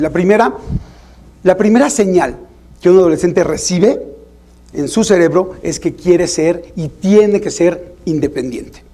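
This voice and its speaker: A man with a Mexican accent, a parent himself, giving an informal, animated talk to parents about teenagers. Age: adult parent. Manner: animated, acts out parents and teens in higher voices. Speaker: parenting speaker.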